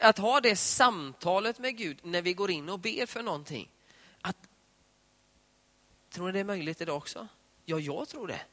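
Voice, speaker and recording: A man giving a conversational devotional talk on prayer, retelling scripture scenes in lively voiced dialogue. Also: sits high. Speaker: preacher. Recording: long hall reverb.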